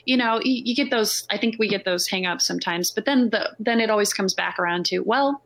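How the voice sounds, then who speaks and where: A woman musician in loose conversation, her thoughts spilling out in a meandering way. She leans on fillers and circles back as she talks, at an ordinary middle pitch. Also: brisk, a bit bright. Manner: rambling, full of "like" and "you know". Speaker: songwriter and musician. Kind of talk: casual conversation.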